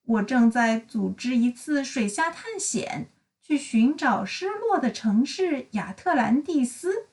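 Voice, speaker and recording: A woman voicing a bright, keen little lady who leads an expedition in a children's storybook, cheerful and matter-of-fact. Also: high voice, very animated, measured pace. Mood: excited.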